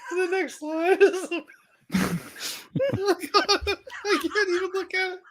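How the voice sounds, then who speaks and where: A woman chatting with friends, giggly and excitable. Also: very high-pitched, slow. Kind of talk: casual chat with friends.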